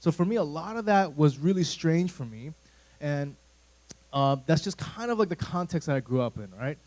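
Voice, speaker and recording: His voice runs a little high and darkish in tone, animated and at a moderate pace, though the recording is rough. This American youth pastor in his thirties gives a casual, rambling talk full of fillers and asides to a church youth group in a church room.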